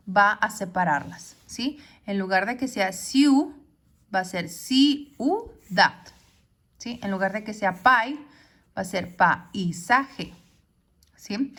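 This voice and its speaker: A woman teaching a poetry lesson. She explains step by step and often checks with a quick question. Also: medium pitch, a bit bright.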